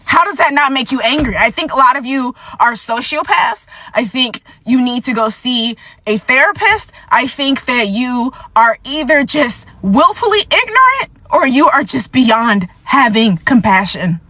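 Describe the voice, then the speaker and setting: High, bright-voiced woman ranting angrily. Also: lively intonation, measured pace, few pauses, no room sound. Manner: angry, blunt and profane, emphatic repetition. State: fighting back tears. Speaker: vlog host. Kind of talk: impassioned commentary to camera.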